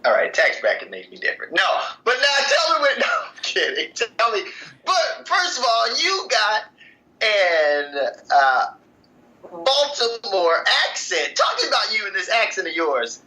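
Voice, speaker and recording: A man's voice: high voice, huge pitch swings, measured pace, pushed and bright, poor audio. A man interviewing a contestant hopeful, teasing him playfully. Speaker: casting interviewer. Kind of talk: casual casting interview.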